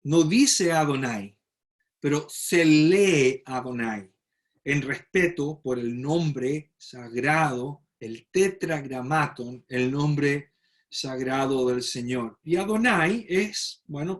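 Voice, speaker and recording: A man's voice: on the high side, slow pace. A man teaching a Bible study lecture, explaining step by step and often checking in with his listeners. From Chile. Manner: explanatory, frequent "¿verdad?" tag questions and fillers.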